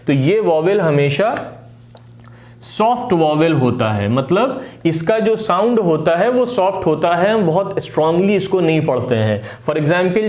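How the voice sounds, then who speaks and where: A man gives an English phonics lesson, his voice sitting fairly high for a man. He talks patiently and pauses often with "uh" fillers. The recording has a noticeable echo from the room. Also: a little mellow. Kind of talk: explaining lesson.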